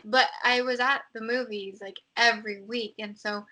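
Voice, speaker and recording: Bright and forceful, with a fairly high pitch and fairly even intonation, a young woman from the United States talks at normal speed as a podcast guest. It's casual, chatty rambling, full of fillers like "like" and "um."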